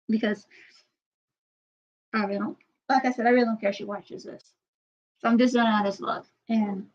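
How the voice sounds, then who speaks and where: A woman hosting a casual livestream chat, rambling and repeating herself as she reads out viewer comments. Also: fairly high pitch. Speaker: channel host. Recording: dull lo-fi sound.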